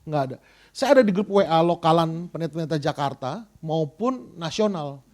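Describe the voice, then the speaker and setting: A middle-aged male pastor from Indonesia preaching a sermon, telling a story with big swings between loud and hushed. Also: a little high, lively intonation, normal speed.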